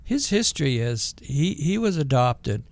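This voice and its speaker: Slow, creaky older man, Vermont twang. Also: a little high, very animated, darkish tone, no room sound. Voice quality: natural rural twang. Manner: hesitant, folksy, unhurried. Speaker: interview guest. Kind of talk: casual conversational reminiscing.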